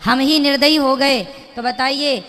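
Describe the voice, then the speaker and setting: A woman's voice: sits high, steady tone, a little slow, a bit bright. A woman preacher lecturing a listener with pointed rhetorical questions, speaking plainly and morally. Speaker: spiritual preacher. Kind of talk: preaching to an audience member. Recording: long hall reverb.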